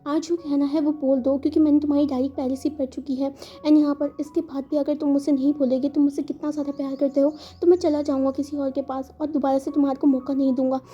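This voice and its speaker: A woman's voice: sits high, level tone, fast, few pauses, warm tone, muffled recording, natural voice. A woman voicing a worried young man who speaks urgently and insistently to someone he loves. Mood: pleading.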